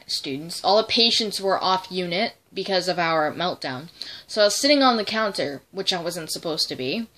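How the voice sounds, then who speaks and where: A teenage girl recounting a story in a casual vlog. Her voice sits a little low for her age, and her speech is blunt, full of swearing and 'like' fillers. It sounds unscripted and candid. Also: fairly bright tone. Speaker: vlogger.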